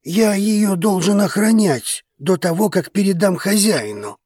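A possessive dragon man, voiced by a male reader, holds back his temper in short, tense phrases pitched a little above the reader's own voice. His tone has a husky edge. The recording is close and dry. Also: lively intonation, unhurried, darkish tone, no echo, exaggerated voice. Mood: restrained insistence. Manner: tense, clipped, growling.

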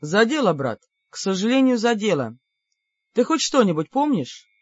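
Narrator playing a calm, wry older brother, dry teasing and stern reproach, slightly dull audiobook sound. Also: mid-range voice, moderate pace, breathy edge, no echo.

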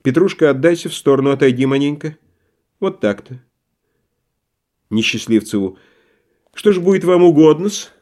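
A man's voice: fairly high pitch, animated, normal speed, pauses often, a little mellow, close to an everyday voice. A man voicing a wily, stubborn merchant who talks in a folksy, obsequious way, in an audiobook play reading. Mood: wheedling stubborn. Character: wily, stubborn middle-aged male merchant.

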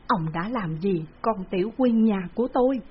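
A woman's voice: mid-range voice, animated, moderate pace, breathy edge. A woman voicing a distraught middle-aged peasant father who pleads and wails for his daughter. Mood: suspicious. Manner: pleading, wailing. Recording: dull lo-fi recording.

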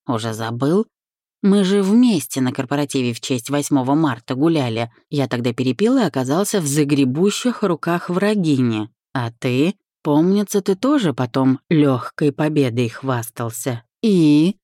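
A woman's voice: low-pitched, lively intonation, moderate pace, dark tone, no room sound, clean studio sound. A woman reading the lines of a cold, sarcastic young man who is the story's first-person hero, in an audiobook. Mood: cutting. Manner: sarcastic, cutting.

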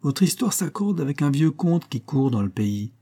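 Brief: male reader voicing a nonchalant, persistent young coachman, coaxing tone, warm timbre. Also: a little high, sing-song, normal speed, slightly rough, pitched above the performer's own voice, full character voice. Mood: sly, confiding. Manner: coaxing and easy-going.

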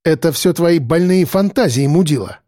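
A steely woman prisoner speaks firm and cold, as a male reader voices her. Her words are cutting and flat, with a dry, close sound. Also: fairly high pitch, normal speed, no room sound, natural voice. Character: tough, steely woman prisoner called Kobra.

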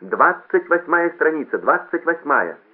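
A man voicing a brash male announcer booming over a loudspeaker, bossy and mocking, on a lo-fi line. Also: sing-song, measured pace, slightly rough, heavily acted. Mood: cheery, bossy. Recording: lo-fi phone-like audio.

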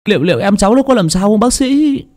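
A man's voice: fairly high pitch, sing-song, normal speed, mellow, pitched above the performer's own voice. A man voicing an anxious young man who stammers while trying to soothe his family.

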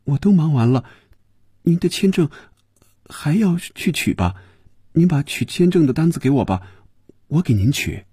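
A man's voice: fairly high pitch, lively intonation, normal speed, pauses often, breathy edge, dry recording, clean studio sound, pitched above the performer's own voice. A man doing a timid young woman. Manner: small, soft, nervous voice. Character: timid nervous young female receptionist.

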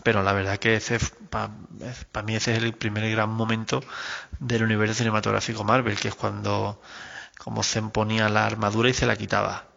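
A man, recording a voice message for a podcast in a measured, musing way. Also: fairly low pitch, little pitch movement, creaky, a bit bright, a little hiss or hum. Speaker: listener sending an audio message. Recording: dull, reverberant lo-fi audio.

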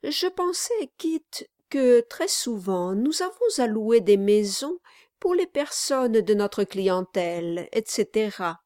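A woman's voice: on the high side, sing-song, slow, a little mellow, dry recording, clean studio sound. A woman voicing an oily, scheming middle-aged male lawyer in an audiobook, speaking in a honeyed, falsely cheerful way. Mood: wheedling.

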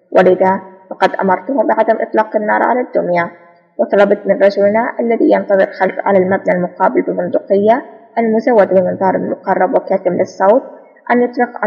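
A woman reading the lines of a scheming male spy chief villain in an audiobook, calm and mocking. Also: mid-range voice, vocal fry, husky, long reverb tail, lo-fi sound.

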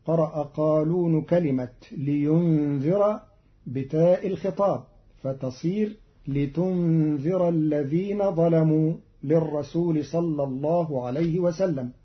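A man giving a formal, scripted explanation of Quranic reading variants, speaking in a measured and precise way. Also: a little high. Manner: measured, precise classical Arabic delivery. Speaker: Quran recitation teacher introducing the readings. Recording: dull lo-fi old recording.

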